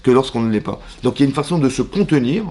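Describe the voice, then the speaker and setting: A man, a rabbi, giving a lively class to his congregation. He fires rhetorical questions at the listeners, acts out both sides of imagined conversations and drops Hebrew religious terms into his French. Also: mid-range voice, fast talker. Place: synagogue classroom.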